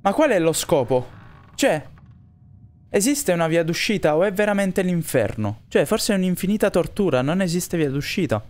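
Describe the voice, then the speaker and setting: A man's voice: high-pitched, sing-song, normal speed, darkish tone. A young man commentating a horror game he is playing, jumpy and swearing, talking to his viewers. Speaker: gaming YouTuber.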